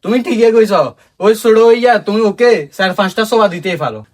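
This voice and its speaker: Sly, high-pitched, fast-talking Bangladeshi meddler acted by a man. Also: lightly acted. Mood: sly goading. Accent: Bangladeshi regional Bengali. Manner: goading, repeats himself. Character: sly meddling older man stirring up a quarrel. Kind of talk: comedy skit acting.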